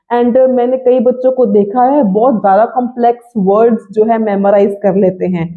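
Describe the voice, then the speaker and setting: A woman, explaining exam tips in an online lesson and mixing two languages as she teaches. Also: a little high. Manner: explaining, mixes Hindi and English. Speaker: IELTS teacher. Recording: tinny phone-like audio.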